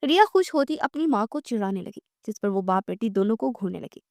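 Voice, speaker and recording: A woman narrating a romantic novel aloud in a steady storytelling read. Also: medium pitch, a little fast, no room sound, studio quality.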